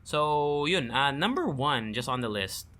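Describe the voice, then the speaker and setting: A man's voice: mid-range voice, lively intonation, a little slow, fairly bright tone. A man co-hosting a casual podcast, chatting and reading through a ranked list with frequent laughs. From Philippines. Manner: chatty, breaks into laughter, reads a list aloud. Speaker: podcast co-host. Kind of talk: casual chat.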